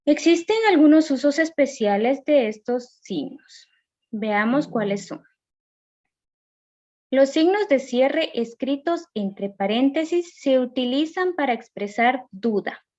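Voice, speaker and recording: A woman teacher giving a recorded grammar lesson, reading rules and examples slowly and carefully. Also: sits high, a little mellow, muffled recording.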